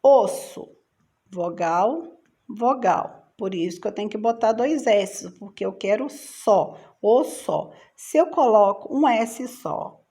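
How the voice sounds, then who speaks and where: A woman's voice: fairly high pitch, dark tone. A Brazilian woman teaching young children a spelling rule in a patient, sing-song teacher voice. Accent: Brazilian Portuguese.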